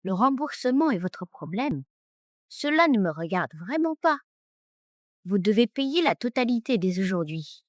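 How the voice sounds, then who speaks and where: A woman's voice: medium pitch, very animated, measured pace, no echo, studio quality. A woman voicing a composed, cutting young heiress in a French melodrama dub. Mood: cold. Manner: cold, cutting. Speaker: dubbing actress.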